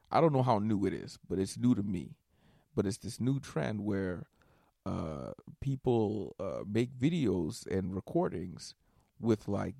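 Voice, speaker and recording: A young podcast host with a low, creaky voice rambles casually on his solo show, swearing and throwing in animated asides because he's tired after staying up all night. The sound is studio quality with no echo.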